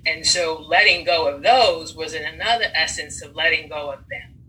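A woman telling personal stories in casual conversation, animated, acting out scenes and swearing freely. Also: sits low, normal speed, slight background noise, low-quality recording. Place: Brooklyn.

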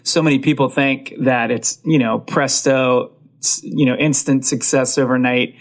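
A man's voice: mid-range voice, steady tone, moderate pace. A man hosting an interview podcast, asking long rambling questions in a chatty, encouraging way. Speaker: podcast host, film coach. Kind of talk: casual interview talk.

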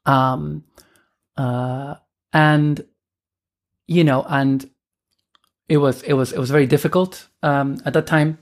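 A woman's voice: deep voice, fairly even intonation, takes it slowly, long pauses. A woman in her thirties from Argentina, a podcast guest talking casually and hesitantly, with many fillers and restarts. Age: 30s. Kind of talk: casual conversational interview.

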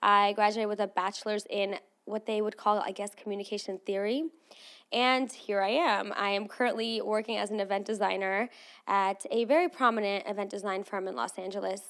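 A woman's voice: medium pitch, fairly even intonation, a little fast, a bit bright. A woman in her twenties, born in Armenia with English as her third language, hosting her own podcast in a casual, chatty solo talk with frequent asides to listeners. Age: 20s. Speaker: podcast host.

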